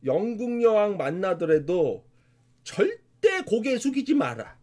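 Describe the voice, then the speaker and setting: A man's voice: high voice, huge pitch swings, slow pace, dark tone, heavily acted. A man voicing a fierce, devoted older mother who speaks in a commanding, emphatic way.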